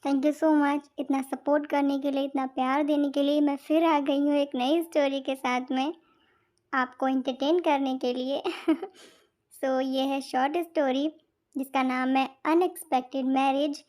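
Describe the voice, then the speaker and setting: Friendly high-voiced young woman. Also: steady tone, unhurried, a little mellow. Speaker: storyteller. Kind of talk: casual story intro.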